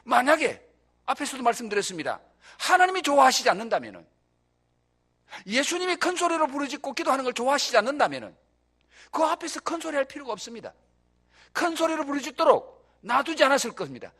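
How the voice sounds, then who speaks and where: A man's voice: extremely high pitch, very animated, quick pace, a bit bright. A male pastor preaching a sermon in a church, asking rhetorical questions and swelling in volume for emphasis.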